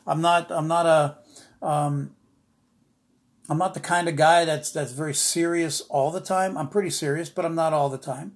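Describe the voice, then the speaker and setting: Chatty man, slightly high voice. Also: steady tone, normal speed. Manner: rambling, storytelling, frequent fillers and restarts; dry sarcastic humor. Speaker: podcast host, ministry teacher. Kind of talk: informal devotional podcast talk.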